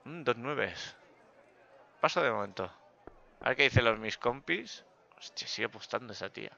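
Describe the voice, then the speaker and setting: Man, poker gameplay commentary, self-mocking, gravelly voice, slightly muffled recording. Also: mid-range voice, normal speed. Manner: joking, self-mocking, bursts of loud excitement. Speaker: gaming youtuber.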